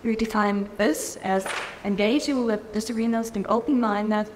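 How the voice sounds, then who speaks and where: A woman's voice: medium pitch, fairly even intonation, normal speed, a little hiss or hum. A woman from Germany presenting a research framework at a lectern in a large conference hall, careful and often restarting her phrases. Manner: careful, with frequent restarts and fillers. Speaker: keynote speaker. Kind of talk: conference keynote lecture. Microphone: lectern microphone. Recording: reverberant hall, faint ambience.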